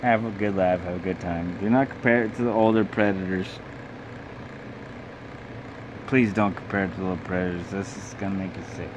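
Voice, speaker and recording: A man's voice: low voice, fairly even intonation, fairly quick, long pauses. A young man, drunk, giving a loose, blunt, sweary casual video review in a small room. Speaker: amateur film reviewer. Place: small bedroom, indoors. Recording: clear background hum and noise.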